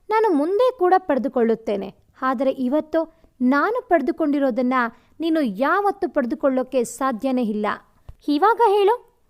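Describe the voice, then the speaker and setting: A woman's voice: high-pitched, darkish tone. A woman voicing a scheming young male rival who taunts and mocks in an audio story. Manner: taunting, mocking.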